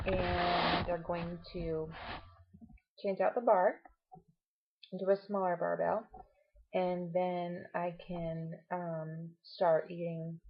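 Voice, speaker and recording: A vlogger with a lowish, husky voice gives her viewers a casual personal update to camera, explaining things and offering reassurance. Her tongue sounds swollen, and the audio is dull and muffled like a lo-fi home video.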